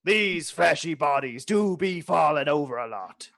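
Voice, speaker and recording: Man putting on a gruff, loud skeleton pirate. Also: a little high, expressive, unhurried, heavily acted. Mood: gullible, grumbling. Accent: pirate slipping into Irish. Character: gruff, dim-witted undead skeleton pirate. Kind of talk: tabletop role-play character voice.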